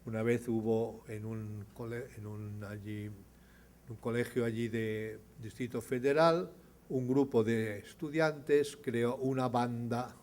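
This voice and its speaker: An older man tells stories from a podium, recounting them in a measured voice. When the characters speak, he raises his voice and his volume to act out their lines. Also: mid-range voice, steady tone, a little hiss or hum. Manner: dramatizes dialogue with rising, louder voice. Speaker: speaker at an award ceremony. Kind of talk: storytelling speech.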